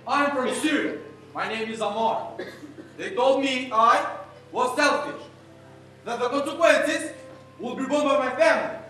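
A man's voice: very high voice, measured pace, pauses often, soft background music. Young man declaiming on an echoey stage. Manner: earnest, declaiming, rising to shouts. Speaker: stage performer. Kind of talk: theatrical monologue. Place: large theater stage. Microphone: far stage mics. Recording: echoey theater from far off.

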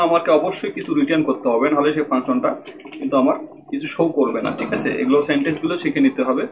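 A man giving a screen-recorded coding lesson, explaining step by step and often checking in with "okay?". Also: on the high side. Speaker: programming tutor. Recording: tinny phone-like mic with faint noise.

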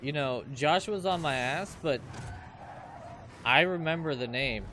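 A man in his twenties talks viewers through his game in loose, joking banter. His voice sits slightly high for a man. A faint noise runs beneath it. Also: measured pace, pushed and bright. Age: 20s. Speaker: let's play host. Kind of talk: gameplay commentary.

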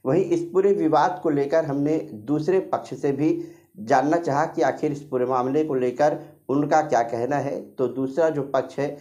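A man narrating a local news report in a steady, measured tone, then questioning an interviewee. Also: fairly high pitch.

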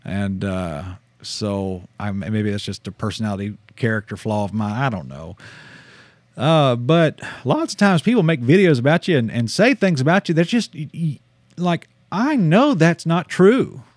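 Seated in a small studio lit by purple shelves, this thirtysomething missionary preacher with a Southern accent speaks into a desk mic. He preaches casually on a livestream, folksy and quick to poke fun at himself with a laugh. His mid-range voice has a sing-song lilt at a moderate pace, with no echo.

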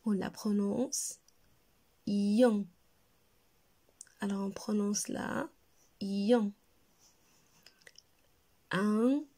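Slow, soft-toned woman teacher. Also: medium pitch. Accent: Moroccan French. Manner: slow, deliberate, repeats each word for pupils. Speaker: primary school teacher. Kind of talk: slow reading lesson for young children.

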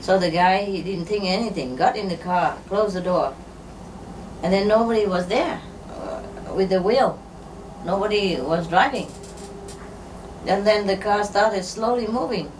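A woman telling jokes and stories to an audience in a halting, unhurried way, with many fillers. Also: mid-range voice. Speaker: spiritual teacher telling jokes. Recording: distant mic with faint ambient noise.

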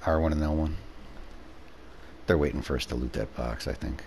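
A young man commenting on a game with a friend, swearing often and calling out tactics with excitement. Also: a bass voice, normal speed, gravelly, slight background noise. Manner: profane, excitable tactical callouts. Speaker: gamer streaming with a friend. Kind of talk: casual gaming commentary.

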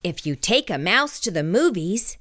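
Middle-aged woman, children's storytime voice, animated pitch, read-aloud host, addressing young listeners. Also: moderate pace, no room sound, studio quality.

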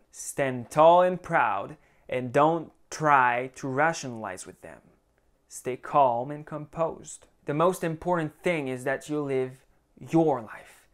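A man's voice: fairly high pitch, a bit bright. Young man, vlogger, blunt pep talk, profane, direct advice to camera. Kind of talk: motivational advice monologue.

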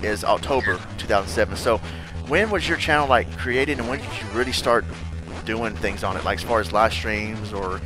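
A man hosting a casual interview, an animated storyteller who laughs often and acts out quotes. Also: on the low side, normal speed, music in the background. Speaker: podcast host.

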